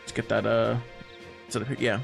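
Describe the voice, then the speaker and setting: A man's voice: medium pitch, flat delivery, moderate pace, vocal fry, soft background music. A man doing casual, goofy live commentary while streaming a video game. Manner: goofy, joking, breaks into silly voices.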